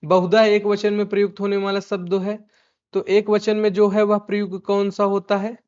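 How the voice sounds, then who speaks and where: A man's voice: high voice, completely flat delivery, normal speed, darkish tone, clear, resonant tone. A male Hindi teacher going through an exam answer key, asking himself questions and repeating the answers like a drill. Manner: repeats his own questions back as drill. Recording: dull lo-fi recording.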